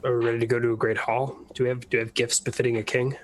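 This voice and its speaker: A man's voice: medium pitch, little pitch movement, racing, slight background noise, poor audio. A man playing a tabletop game, chatting casually and thinking aloud with some hesitation.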